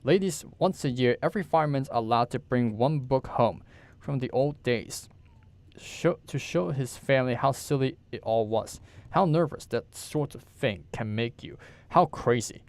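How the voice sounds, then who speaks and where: A man's voice: medium pitch, animated, normal speed, a little mellow, dry recording, lightly acted. A man reading the lines of a brittle, falsely cheerful young wife who coaxes and chirps. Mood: coaxing.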